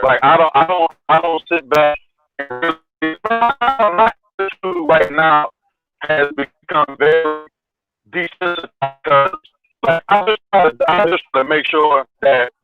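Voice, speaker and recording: A man speaking on a remote call whose connection keeps breaking up. He talks in a halting, casual way and repeats his words. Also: on the high side. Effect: choppy breaking-up call connection. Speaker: community activist panelist. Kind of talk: casual panel discussion. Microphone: phone on a remote call. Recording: tinny, breaking-up phone line with faint music.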